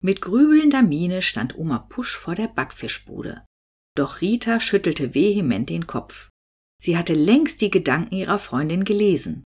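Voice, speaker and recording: Lively woman narrating a story. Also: lowish voice, a little slow, breathy edge. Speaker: audiobook narrator. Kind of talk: scripted narration.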